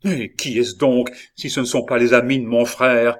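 A man's voice: medium pitch, fairly even intonation, moderate pace, close to an everyday voice. A man doing a hot-headed young king. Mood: insistent. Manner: insistent, loud and pleading. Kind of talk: dramatized audiobook reading.

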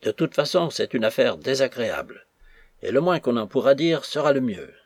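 A blunt, gruff army captain lays down the law in a firm, commanding way, voiced by a male reader. His tone is husky and sits in a middle register. The recording is dry. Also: mid-range voice, sing-song, moderate pace, no echo.

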